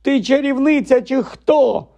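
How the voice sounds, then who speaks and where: A man's voice: high-pitched, moderate pace, dark tone, voice pushed up. A man voicing a cheeky, irritable schoolboy in an audiobook, snappy and sarcastic.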